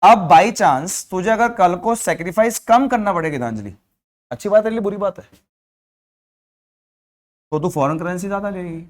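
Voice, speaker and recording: Man, economics teacher, high voice, quizzing the class, English terms mixed in. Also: animated, moderate pace, long pauses. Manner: explains with rhetorical questions to students; mixes English terms into Hindi. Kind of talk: classroom lecture.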